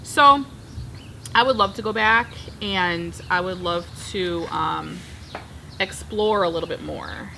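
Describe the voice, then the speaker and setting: Filmed by a camera sitting across the table, a thirtysomething woman repots plants on a backyard patio and chats cheerfully as her hands stay busy. She's a plant vlogger whose voice runs on the low side, slow with vocal fry and a sharp tone; there's a little hiss or hum.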